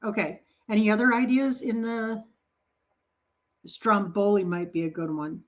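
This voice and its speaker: A woman's voice: medium pitch, fairly even intonation, measured pace. Casual woman host on a home baking stream, friendly chat with viewers, encouraging and playful. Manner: chatty, reads and answers viewer comments.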